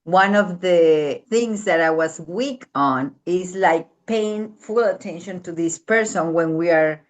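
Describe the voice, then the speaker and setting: A woman telling a travel story in a casual family chat, talking in an animated, halting way with many fillers and restarts. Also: lowish voice, rough recording. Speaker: guest aunt.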